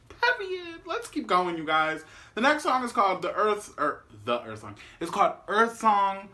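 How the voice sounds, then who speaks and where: A man reacting to songs in his living room, gushing, swearing and shouting in bursts as the music plays. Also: a little high. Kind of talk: casual reaction commentary. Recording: loud music playing in the room. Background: loud music from a room speaker.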